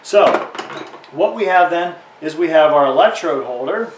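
Standing by a tractor in a workshop or garage, this thirtysomething welding instructor explains things to camera in simple, informal language with easy analogies. His voice is on the high side and animated, moving at a moderate pace, and the distant mic gives a roomy sound with faint background noise.

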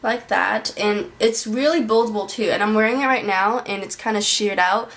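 Her voice is mid-range and fairly bright, moving at a moderate pace. She's a young beauty vlogger doing a chatty, rambling monthly favorites video in her small bedroom, stumbling into fillers and restarts, captured by a built-in camera mic at desk distance.

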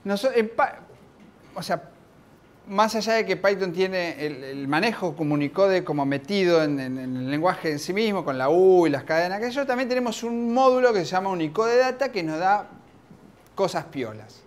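A man with an Argentine accent giving an informal, lively technical talk at a conference, often restarting his sentences. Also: sits high, moderate pace. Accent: Argentine Spanish. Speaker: conference speaker. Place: conference room.

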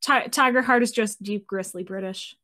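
A woman hosts a casual chat, reading book passages aloud with small character voices, joking about them and laughing often. She speaks at a moderate pace in a mid-range voice, with a crowd audible in the background.

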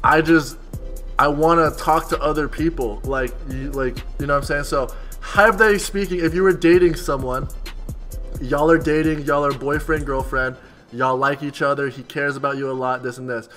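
A man in his twenties hosting a livestream in casual, slangy, excitable frat-bro talk, peppered with bro, yo and dude. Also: fairly high pitch, normal speed, faint music behind. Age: 20s. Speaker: livestream host. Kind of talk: casual livestream chat with a guest. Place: indoor room, streaming setup.

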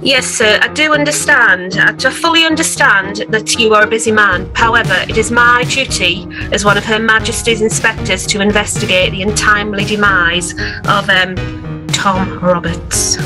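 A woman playing a polite, dogged police inspector, formal and measured, over background music. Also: mid-range voice, natural voice, low-quality recording. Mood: courteous. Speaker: improv actor.

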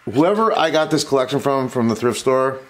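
A man hosts a repair tutorial at an indoor workbench, speaking at normal speed in a mid-range voice. His hands-on walkthrough is casual, rambling, and full of self-interruptions. A steady background noise is clearly audible throughout.

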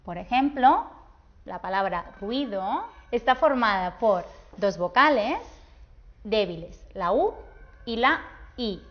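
A woman, teaching a grammar lesson patiently and slowing down to spell out words and syllables. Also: mid-range voice, lively intonation, dull audio.

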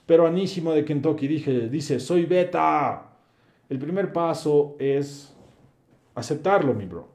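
A man's voice: a little high, animated, measured pace, warm tone. A young man hosts a live stream. He reads viewers' questions aloud and answers them in a blunt, preachy, slangy way. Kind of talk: live Q&A, reading chat comments aloud.

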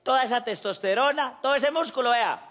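High-voiced Colombian man doing stand-up. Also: fairly quick, faint music behind. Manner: animated, slangy, acting out little scenes. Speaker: stand-up comedian. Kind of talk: stand-up comedy monologue.

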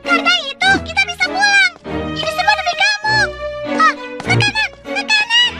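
Casting: tiny toy robot doll, extremely high voice, preachy cartoon nag, music behind. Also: moderate pace. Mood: bossy, nagging. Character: small bossy nagging toy robot doll. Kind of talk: animated cartoon dub. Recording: music bed under dialogue.

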